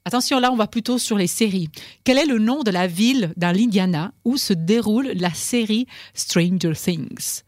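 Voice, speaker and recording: A woman's voice: medium pitch, moderate pace, darkish tone, no echo, clean studio sound. A woman hosting a radio quiz, teasing her guests and laughing often. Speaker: radio host. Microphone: studio microphone.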